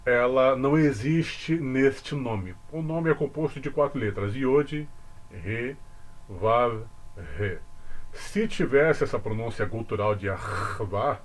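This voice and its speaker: A man with a Brazilian accent explaining religious ideas in casual talk, deliberate, with asides to the viewer. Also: mid-range voice. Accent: Brazilian Portuguese. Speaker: religious commentator.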